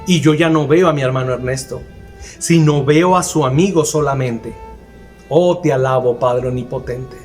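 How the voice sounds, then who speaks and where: A man's voice: mid-range voice, moderate pace, darkish tone, soft background music. A man preaching a sermon, earnestly telling a personal testimony and repeating phrases for emphasis. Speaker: minister.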